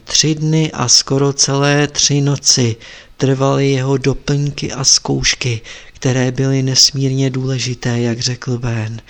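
Calm male audiobook narrator. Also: mid-range voice. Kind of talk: scripted narration.

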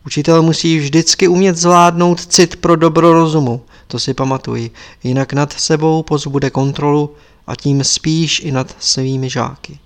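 Man reading a stern old lama teacher, grave and instructive, slightly higher voice, storybook reading. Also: fairly even intonation, close to an everyday voice. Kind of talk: audiobook character reading.

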